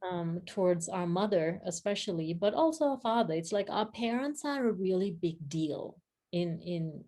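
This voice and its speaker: A Sri Lankan woman with a mid-range, darkish voice joins a video call as a practice leader guest. She speaks thoughtfully in reflective, casual conversation, searching for words and laughing easily.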